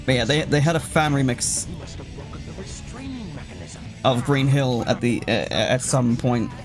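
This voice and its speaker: This man speaks slowly in a mid-range voice while doing let's play commentary. It's casual and profane, and he drifts from thought to thought, often stopping short to react to the game as loud music plays in the background.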